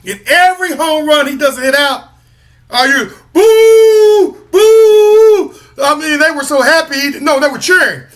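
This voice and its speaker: A man with a high, bright, forceful voice, talking sports on a casual podcast. He is animated and loves to tease, trash-talking the teams he hates. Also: brisk, few pauses. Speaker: podcast co-host.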